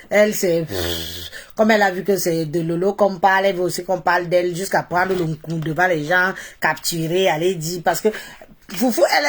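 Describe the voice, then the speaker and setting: Congested from a cold, a Cameroonian live streamer addresses her followers in a somewhat low voice. She is scornful and full of opinions, hammering points home by repeating phrases, and speaks with a Cameroonian accent.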